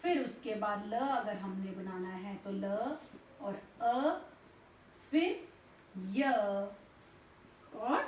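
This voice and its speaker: A woman teacher slowly and patiently spelling out words sound by sound, asking and answering her own questions. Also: medium pitch, distant mic. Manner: slow, patient, spells out each sound step by step. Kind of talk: classroom lesson explaining spelling. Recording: echoey room, voice off-mic, faint background noise.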